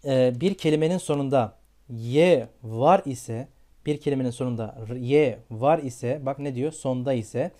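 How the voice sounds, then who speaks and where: A man's voice: mid-range voice, moderate pace, warm tone. A man teaching beginner English pronunciation, asking questions and checking in with his students again and again. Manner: repeats questions and checks with "tamam mı".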